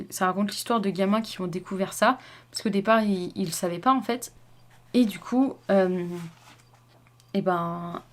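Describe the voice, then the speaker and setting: Young woman, chatty book vlogger, rambling, lots of fillers. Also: medium pitch. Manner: chatty, rambling, many fillers and self-corrections. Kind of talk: casual chat to camera.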